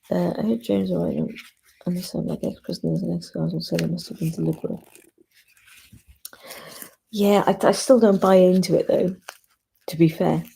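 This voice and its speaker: A woman hosting a casual livestream, thinking aloud and giving opinions informally in a husky, gravelly voice. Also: lowish voice, mellow, a little hiss or hum, poor audio. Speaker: livestream host. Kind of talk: casual chat to live commenters.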